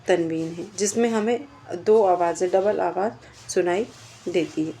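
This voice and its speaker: Woman, teacher, grammar lesson, gravelly voice, asks and answers own questions, faint background noise. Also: lowish voice, dark tone. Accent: Indian Urdu.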